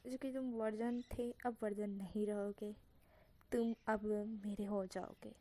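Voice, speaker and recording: A woman's voice: mid-range voice, fairly even intonation, unhurried, mellow, natural voice. A woman reading a teasing young man.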